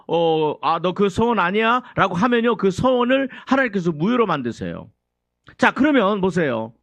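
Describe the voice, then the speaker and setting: A man's voice: high-pitched, a bit bright, no room sound. A male pastor preaching a sermon, full of rhetorical questions to his congregation.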